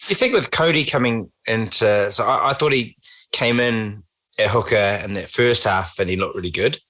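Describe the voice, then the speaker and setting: A man's voice: lowish voice, animated, moderate pace, sharp tone. A man talking casually about sport as a podcast panelist. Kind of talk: casual sports chat and commentary.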